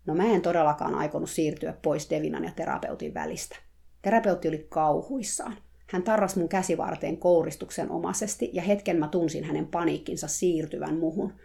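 A woman reading a first-person story aloud in a calm, measured way. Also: deep voice, vocal fry. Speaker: narrator.

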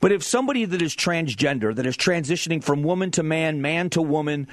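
A man's voice: a little high, expressive, quick pace, no room sound. A man in his forties from Southwest Florida, hosting a talk radio show and delivering an opinionated monologue in a firm, emphatic, conversational way. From Southwest Florida, USA. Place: radio studio. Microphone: studio microphone.

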